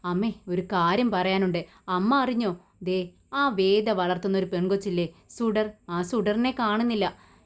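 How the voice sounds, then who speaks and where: A woman reading the part of an agitated young woman who stirs up trouble, in a sharp, accusing tone. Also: medium pitch, unhurried, close to an everyday voice.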